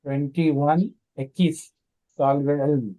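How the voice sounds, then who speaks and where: A man's voice: on the high side, little pitch movement, slow pace, dark tone. A man reading aloud as a student in an online class, polite and eager. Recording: tinny phone-like call line.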